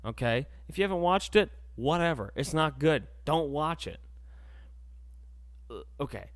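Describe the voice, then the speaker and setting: A man's voice: a little high, sing-song, unhurried. A young man hosting a podcast, ranting in a casual, sarcastic, rambling way. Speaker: podcast host. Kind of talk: casual comedic rant.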